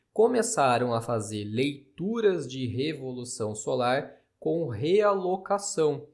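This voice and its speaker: A man with a Brazilian Portuguese accent talks casually as an astrologer hosting his own podcast. He has a gravelly, mid-pitched voice. He explains points in a chatty, skeptical manner, often checking in with the listener. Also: a little mellow. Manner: chatty, skeptical, with frequent tag questions.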